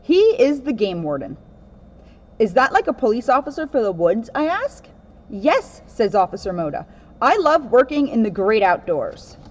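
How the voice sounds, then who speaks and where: A woman police officer reads aloud and explains things informally for children, moving in and around a police car. Her voice has big pitch swings at a moderate pace, and the audio is muffled and low-grade with faint noise.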